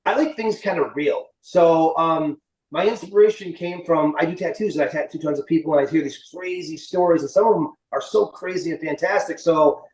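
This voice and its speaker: A roomy, slightly distant recording of a man in his late forties. He chats informally and rambles a little, his voice a touch high, like an indie director being interviewed. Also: brisk, a little mellow. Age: late 40s. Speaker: interview guest, indie film writer and director. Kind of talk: casual interview chat.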